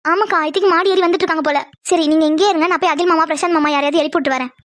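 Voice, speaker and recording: A woman voicing young female cartoon characters, lively and full of questions. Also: very high-pitched, racing, dry recording, clean studio sound. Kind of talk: Tamil cartoon voice acting.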